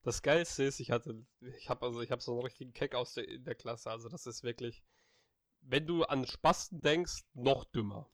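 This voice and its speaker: Blunt, animated man telling a story. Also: medium pitch, normal speed, no room sound, clean studio sound. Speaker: friend chatting. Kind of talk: casual chat, telling an anecdote.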